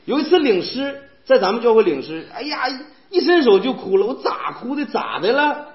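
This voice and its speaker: A man preaching a sermon in a church, animated and firing rhetorical questions at the congregation. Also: extremely high pitch, moderate pace. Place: church hall. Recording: echoey, dull church hall recording.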